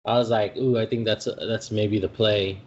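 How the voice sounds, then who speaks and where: A man co-hosting a podcast, chatting casually about a tabletop game, chiming in with quick agreement and telling short stories. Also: lowish voice, steady tone, darkish tone, dull audio. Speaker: podcast co-host.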